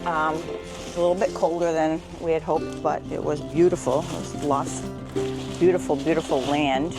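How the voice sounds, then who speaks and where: A woman co-hosting a travel vlog, telling stories in an animated, laughing way. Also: sits low, moderate pace, over music. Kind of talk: casual travel chat.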